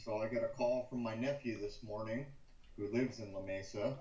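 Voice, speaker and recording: An American man hosts a casual talk stream in a fairly low voice. He picks through his commentary with deliberate, hesitant phrasing. The sound is muffled and close, with little room to it. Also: fairly even intonation, mellow, breathy edge. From United States. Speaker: live stream host. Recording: muffled, echoey live-stream call audio.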